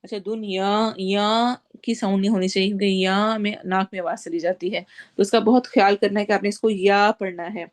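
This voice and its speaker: A woman teaching tajweed, reciting Quranic verses slowly and drawn out, then explaining each rule in brisk Urdu with a Pakistani accent. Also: medium pitch, steady tone. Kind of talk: tajweed lesson, slow chanted recitation between quick spoken explanations.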